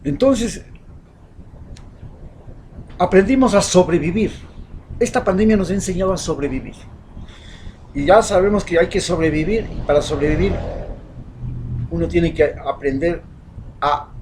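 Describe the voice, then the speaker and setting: This Ecuadorian-accented social commentator, with a slightly high voice, delivers a heated, rhetorical opinion piece that shifts between loud outbursts and hushed asides. The rough recording has slight background noise.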